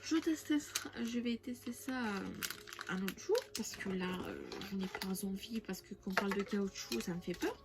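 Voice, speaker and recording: A young French beauty vlogger chats casually through a shopping haul, rambling with lots of fillers and restarts. Her medium-pitched voice moves at a moderate pace over music and heavy background noise.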